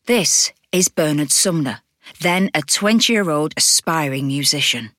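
A woman narrates a music documentary at a measured, deliberate pace. Her voice is very low, and it sounds dry and close to the mic. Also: animated, a bit bright, no echo.

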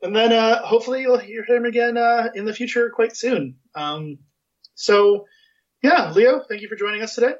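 A man with a very high-pitched voice hosts a podcast at a moderate pace, chatting casually and rambling with plenty of fillers and restarts. The recording sounds muffled and lo-fi.

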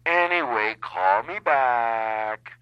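A man voicing a chirpy woman leaving a sales-pitch voicemail, heard as if over the phone. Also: expressive, very slow, clean tone, no echo, highs cut off. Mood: peppy. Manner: upbeat sales patter.

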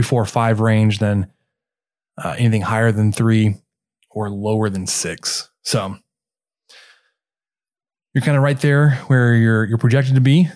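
A man co-hosting a sports podcast, going through stats casually with halting pauses. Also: medium pitch, a little mellow.

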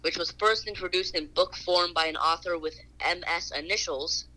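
A man playing a one-armed caller who doesn't get sarcasm, in an improvised comedy bit, talking in a halting, literal way. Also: sits high, sharp tone, poor audio. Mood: plain.

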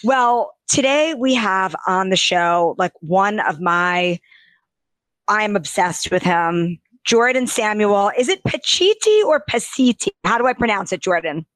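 A woman's voice: medium pitch, a little slow, fairly bright tone, dry recording. A woman hosting a beauty podcast, chatting in an effusive, rambling way with lots of fillers. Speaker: podcast host and beauty editor.

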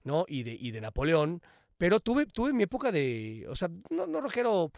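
A man's voice: high voice, wildly swooping pitch, moderate pace, darkish tone, no room sound, clean studio sound. A man with a Mexican accent bantering casually on a podcast, chatty and crude, often jumping in on his co-host.

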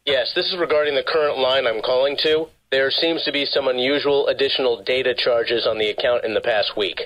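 A man's voice: medium pitch, steady tone, a little fast, fairly bright tone. A man posing as a phone company caller, speaking in a scripted, repetitive sales-call manner over a garbled phone line that keeps breaking up.

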